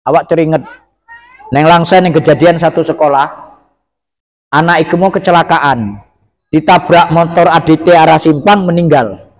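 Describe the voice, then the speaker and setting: A man giving a religious lecture, telling lively, humorous stories. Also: a little high, normal speed, pauses often. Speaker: preacher.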